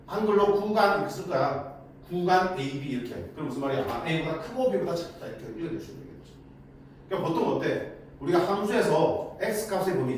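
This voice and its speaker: A man teaching a math lesson in a chatty way. He keeps asking students questions and then answers them himself. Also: high-pitched. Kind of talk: lecture to students. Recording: echoey room, mic at a distance, faint noise.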